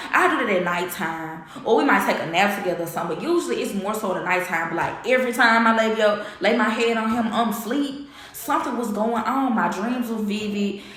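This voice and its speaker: Candid woman telling an emotional story, echoey room. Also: medium pitch. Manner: candid, animated, quotes others in dialogue. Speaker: vlogger.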